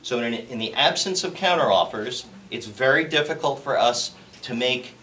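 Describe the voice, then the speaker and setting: A man on a school board addressing a public meeting, careful and halting, repeating words as he goes. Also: medium pitch, animated, bright, forceful tone. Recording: distant mic, faint noise.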